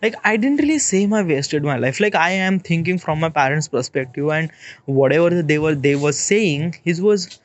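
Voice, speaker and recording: A man's voice: fairly high pitch, animated. Rambling young man, Indian English accent. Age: 20s. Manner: rambling, halting, frequent "okay?" tags. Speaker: vlogger. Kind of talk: casual reflective monologue.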